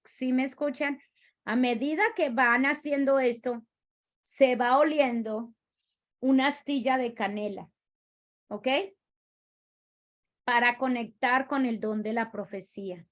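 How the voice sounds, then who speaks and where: Female teacher, high voice, slow careful delivery, repeats points. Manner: repeats herself, slow and deliberate, explaining step by step. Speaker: religious teacher. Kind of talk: spiritual teaching lesson.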